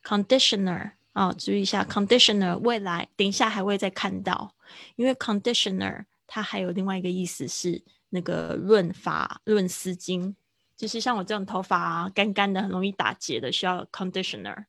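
A woman teaching English vocabulary in Mandarin on a livestream, explaining slowly and repeating words for drill. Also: mid-range voice, gravelly, fairly bright tone, no room sound. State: hiccuping.

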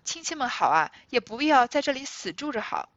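A woman's voice: a little high, animated, fast, no echo, close to an everyday voice. Woman doing a bitter proud young noble lady, cold and snappy, kinda muffled and dry. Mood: cold, cutting. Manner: cold, cutting, raised voice.

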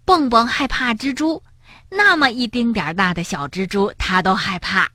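A woman's voice: a little high, normal speed, bright, forceful tone, no room sound, clean studio sound. A woman voicing a cheeky, playful male frog who teases his friend in a children's storybook. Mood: tattling. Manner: teasing, sing-song storybook voice.

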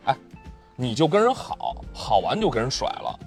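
A young man, a podcast guest telling a story in casual chat, animated and laughing often. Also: medium pitch, normal speed, faint music behind. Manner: animated, acts out quoted voices, laughs often.

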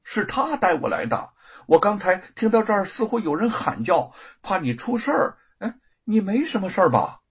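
Male narrator doing a caring young wife, raised husky voice, worried, storybook reading. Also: high voice, sing-song, normal speed, pitched above the performer's own voice, full character voice. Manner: worried, gentle. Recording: dull lo-fi recording.

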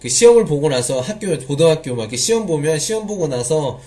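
A woman's voice: deep voice, very animated, quick pace, dark tone. A woman hosting a casual interview chat, interjecting often in a teasing, mock-exasperated way. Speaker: interviewer, host.

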